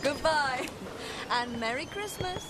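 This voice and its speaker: A woman's voice: sits high, lively intonation, slow, very noisy. An actress playing a kind, devout woman neighbour who speaks earnestly and reassuringly in a radio drama. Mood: encouraging.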